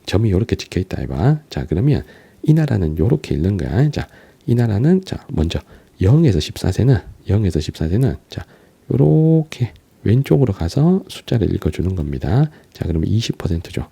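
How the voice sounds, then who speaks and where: A man's voice: lowish voice, very animated, gravelly, dark tone, husky. A man teaching a geography lecture, walking through an exam graph and asking students questions as he goes. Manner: starts phrases with a drawn-out "ja", asks students questions.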